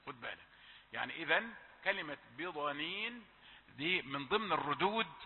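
A high-pitched man teaches recitation, correcting how letters are pronounced and chanting verses slowly to show them. His voice comes through a narrow, tinny channel. It trails off into a long hall reverb. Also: a little hiss or hum. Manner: corrective, demonstrates pronunciation, drawn-out chanting of verses. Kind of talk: recitation lesson.

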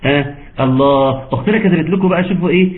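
A man's voice: a little high, very fast. A man with an Egyptian accent teaching Quran recitation in an online class, asking students questions and teasing them patiently. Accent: Egyptian Arabic. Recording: tinny phone-like call audio.

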